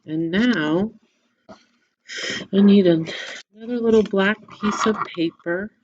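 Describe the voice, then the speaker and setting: A woman teacher giving gentle step-by-step craft instructions and reading a story to children. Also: mid-range voice, slow, muffled recording, background noise. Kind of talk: craft lesson and story read-aloud for children.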